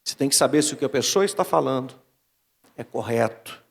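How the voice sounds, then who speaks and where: A Brazilian man, a pastor giving a lively wedding sermon, exhorting the couple and the congregation and mimicking whiny voices. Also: mid-range voice, brisk, vocal fry. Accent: Brazilian Portuguese. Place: large church hall. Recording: long reverb of a church hall.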